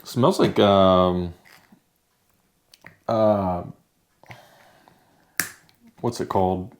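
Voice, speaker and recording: Low-voiced easygoing man. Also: fairly even intonation, drawn-out words, a little hiss or hum. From United States. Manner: easygoing, chatty, talks while eating. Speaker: vlogger. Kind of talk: casual food-tasting chat.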